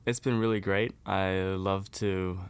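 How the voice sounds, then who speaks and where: A man's voice: deep voice, fairly even intonation, a little slow, smooth. A young man from Norway, a folk musician, chatting casually as an interview guest and laughing easily.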